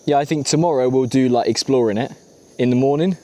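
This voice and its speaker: A man's voice: mid-range voice, fast talker, warm tone, a little hiss or hum. A British man chatting casually and jokily as he vlogs from an outdoor camp. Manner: jokey, matey. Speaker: camping vlogger. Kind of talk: casual vlog chat while cooking outdoors. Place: outdoors at a campsite.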